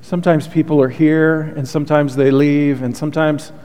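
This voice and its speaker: The preacher here has a fairly high voice with little pitch movement and keeps a moderate pace. He delivers his sermon earnestly and from the heart in a soothing voice, adding soft confessional asides, with long hall reverb in the recording.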